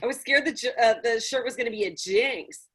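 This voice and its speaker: A woman with a fairly high voice chats in casual, joking banter. She sounds like a playful contestant, talkative and a bit theatrical. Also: a little fast, a bit bright, husky. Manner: playfully dramatic, chatty. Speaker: burping contest competitor.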